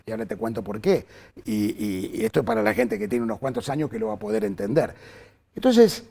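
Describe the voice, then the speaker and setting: With vocal fry in his medium-pitched voice, an older Córdoba-born journalist with an Argentine accent talks fairly quickly as an interview guest. He tells career anecdotes conversationally and energetically, restarting often and leaning heavily on fillers.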